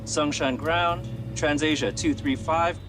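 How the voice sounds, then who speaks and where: A calm, seasoned airline first officer speaking into his cockpit headset, voice a touch high. He runs through radio calls and checklist items in short, clipped procedural phrases. Loud dramatic music sits under the voice. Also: takes it slowly. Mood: steady.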